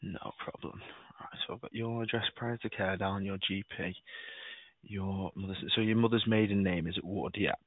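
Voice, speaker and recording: Polite reassuring call centre guy, lowish voice, tinny phone sound. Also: steady tone, normal speed, dry recording. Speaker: call handler taking client details. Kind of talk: customer service phone call. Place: telephone call. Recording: tinny, narrow phone line.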